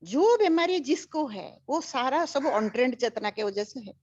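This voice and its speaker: Older lady giving a spiritual lesson, high voice, pushy and repeats herself, muffled lo-fi sound. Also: expressive, unhurried, a little mellow, no echo. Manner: emphatic, repetitive, mixes English into Hindi. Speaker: spiritual teacher. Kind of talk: spiritual teaching talk. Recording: dull lo-fi recording.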